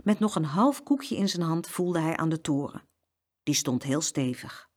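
A woman reading a children's story aloud with a very lively, animated melody. She gives the sound effects an expressive, playful reading. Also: low voice, measured pace.

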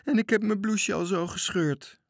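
A man voicing a frightened little boy who whines and wails, in a high put-on voice. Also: moderate pace, creaky, dry recording, studio quality. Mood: whining. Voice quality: whining, wailing.

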